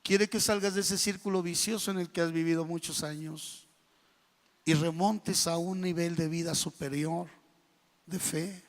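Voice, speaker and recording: A man preaching a sermon in a church, telling a parable with lively storytelling and bursts of loud, emphatic speech. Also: a little high, unhurried. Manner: storytelling preacher, building to shouts when voicing the angry king. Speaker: pastor. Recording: reverberant church hall.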